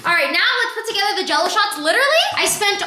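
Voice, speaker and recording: A woman's voice: very high-pitched, sing-song, rapid-fire, sharp tone. A young woman in her twenties chatting casually for her vlog at home and in a car, bubbly and swearing casually. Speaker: vlogger. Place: home kitchen, then car. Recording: roomy with clear background noise.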